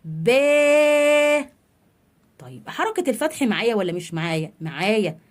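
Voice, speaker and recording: A woman with an Egyptian Arabic accent teaching a children's reading lesson, asking questions and answering them herself, stretching out sounds slowly. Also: lowish voice, big pitch swings.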